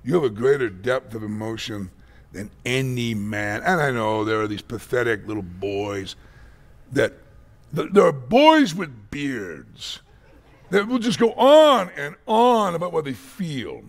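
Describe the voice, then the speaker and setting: A man's voice: mid-range voice, sing-song, measured pace. A male pastor preaching a blunt, dramatic, emphatic sermon at a conference. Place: conference hall.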